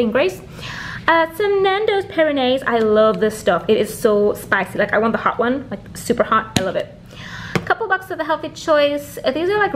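Chatty high-voiced woman. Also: a little hiss or hum. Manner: chatty, lots of fillers and "like". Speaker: vlogger. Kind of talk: casual grocery haul chat. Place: home kitchen, indoors.

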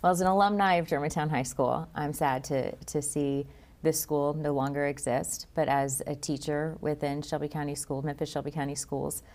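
A middle-aged woman, a longtime teacher, hosting a studio interview with friendly, slightly halting questions. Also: low-pitched, steady tone, darkish tone. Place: school TV studio with bookshelf set.

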